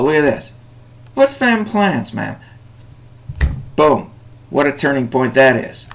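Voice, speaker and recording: A middle-aged man lecturing on a short story, animated, with chuckling asides and many fillers. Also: mid-range voice, gravelly. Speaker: teacher.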